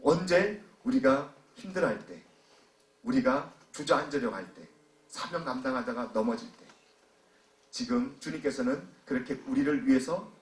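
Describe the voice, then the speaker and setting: A male pastor preaching a sermon, swinging from hushed asides to loud, fervent appeals and acting out voices. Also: mid-range voice. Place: church sanctuary. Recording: echoey church hall from a distance.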